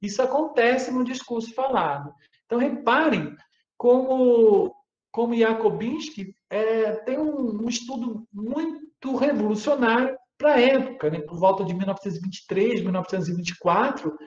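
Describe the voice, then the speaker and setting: A man giving an online academic lecture. He explains patiently, often tags his phrases with a questioning "né?" and pauses on fillers. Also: very high voice, darkish tone. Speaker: university lecturer. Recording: roomy, slightly dull audio.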